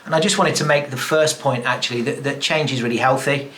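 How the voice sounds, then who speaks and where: A man with a mid-range voice speaks to parents as their school principal. He talks in a measured, steady way and doubles back on the odd word. It comes across as a prepared address. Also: medium pitch, slight background noise. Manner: measured, with small repetitions.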